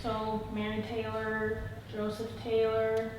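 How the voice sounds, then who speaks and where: A woman's voice: on the high side, completely flat delivery, takes it slowly, noisy background. A woman chatting casually and explaining things inside an echoey house. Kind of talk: casual chat and questioning. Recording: very echoey room, voices of a group.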